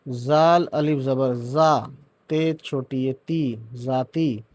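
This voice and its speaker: Drawing out his words in a mellow, medium-pitched voice, an Urdu reading teacher guides beginners through a letter-by-letter lesson on a dry recording. He splits words into syllables, joins them, and keeps checking in with "theek hai" and "hai na."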